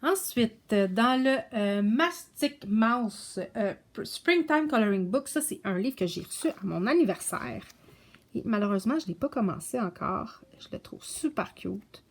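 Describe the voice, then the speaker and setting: A woman casually showing her coloring books, soft-spoken and stumbling over English titles. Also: medium pitch. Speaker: coloring book vlogger. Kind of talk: casual show-and-tell chat.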